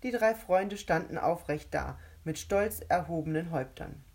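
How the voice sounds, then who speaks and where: Low, husky woman reading a storybook. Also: animated, moderate pace, darkish tone. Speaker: narrator.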